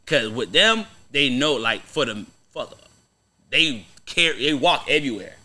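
A man's voice: mid-range voice, lively intonation, a little slow, pushed and bright. A young American man hosting a podcast, talking in casual, slangy, profane banter and arguing his points. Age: young adult. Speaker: podcast host. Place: small podcast studio, indoors. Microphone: close boom-arm microphone.

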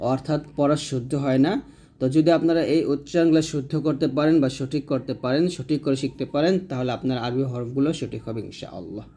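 A man with a slightly high voice leads a step-by-step pronunciation lesson. He says each letter sound slowly and repeats it, patient and careful, as if waiting for the class to echo him. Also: warm tone. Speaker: Quran reading teacher.

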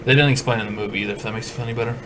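A man's voice: on the low side, steady tone, racing. Chill guy explaining the game over a mate's playthrough, hiss in the background. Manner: laid-back, explains the game's story and hints. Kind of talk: casual let's play banter.

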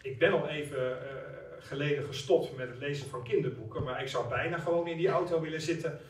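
A man on a jury giving spoken feedback to a contestant, quick and hesitant with fillers. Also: on the high side. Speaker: jury member. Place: cultural center hall. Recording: echoey hall, mic far off.

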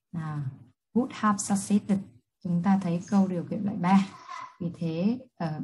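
A woman English teacher with a Vietnamese accent, reading test questions slowly and then explaining each answer quickly. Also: lowish voice, mellow, husky, rough recording. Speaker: high school English teacher. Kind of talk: exam review lesson.

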